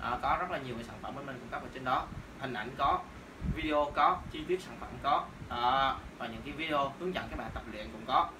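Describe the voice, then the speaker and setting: A man's voice: medium pitch, a little fast. A young man presenting boxing gloves and hand wraps in a casual product demo, speaking loosely with many fillers. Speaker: martial arts shop presenter. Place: small room in a shop, indoors. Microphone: camera on tripod a few meters away. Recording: roomy, distant camera audio with noise.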